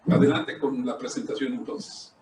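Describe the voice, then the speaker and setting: A man's voice: medium pitch, steady tone, moderate pace, darkish tone. A man with a Mexican accent making informal, hesitant announcements as a webinar host. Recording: roomy echo, distant mic, faint noise.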